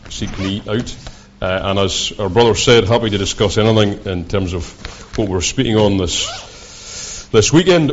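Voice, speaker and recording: A Scottish preacher with a thick, broad accent and a fairly low voice. He delivers his sermon in measured, halting phrases. The recording sounds dull and a little lo-fi. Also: a little hiss or hum. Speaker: visiting preacher. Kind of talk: sermon with scripture readings.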